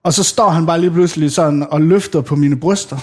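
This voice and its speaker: Animated Danish-speaking dad telling stories. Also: male voice, a little high. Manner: animated storyteller, jumps into shouted quotes, swears freely. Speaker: father on a podcast. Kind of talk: casual chat.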